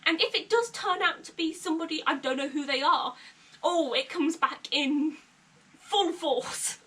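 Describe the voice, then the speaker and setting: A young adult woman records a candid, confessional vlog in her bedroom, occasionally stuttering and laughing nervously. Her voice sits high, bright and forceful, and she speaks a little slowly. The camera mic is set at a short distance, so she sounds slightly distant.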